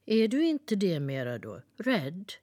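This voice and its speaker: A woman's voice: mid-range voice, big pitch swings, darkish tone, voice pushed up. A woman voicing a curious, frightened little boy as she reads a storybook aloud, asking eager questions. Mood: earnest. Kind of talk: storybook reading.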